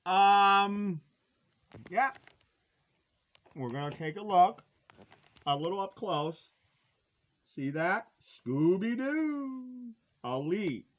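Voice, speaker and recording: Presenting a retro collectible, this man talks in a loose, meandering, hesitant style, hamming it up with folksy playfulness and stretched-out words. His pitch is high and his intonation lively, captured in dull audio.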